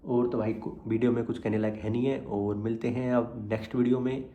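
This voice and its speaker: A man's voice: mid-range voice, level tone, a little fast, highs cut off. Rambling young man in an echoey room. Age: young adult. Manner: rambling, full of fillers, angry threats turning to tired chat. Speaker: exam student vlogger. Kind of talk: casual vlog monologue.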